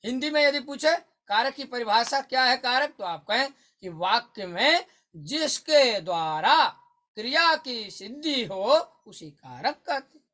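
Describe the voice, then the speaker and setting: A man teaching an online exam-prep lesson, repeating key points to his listeners and slowly chanting verses in a sing-song way. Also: very high voice, animated, bright, forceful tone. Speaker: Sanskrit teacher.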